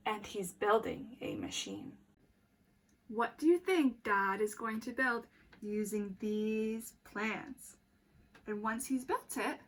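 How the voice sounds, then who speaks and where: Reading a picture book to a group of children, a woman teacher speaks in an animated, deliberate manner and pauses to pose questions. Her pitch is on the high side.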